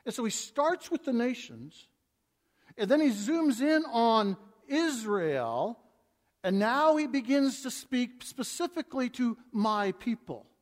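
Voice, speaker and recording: A man preaching an expository sermon, reading scripture aloud and swinging between hushed and emphatic delivery, with stumbling restarts. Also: extremely high pitch, animated, slow pace. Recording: long reverb of a large hall.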